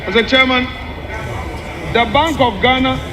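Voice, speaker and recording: A man delivering a formal parliamentary speech, explaining a document point by point in an emphatic, deliberate way with repeated phrases. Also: very high-pitched, a crowd in the background. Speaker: member of parliament. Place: large parliamentary chamber. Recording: echoey hall with long reverb, background noise.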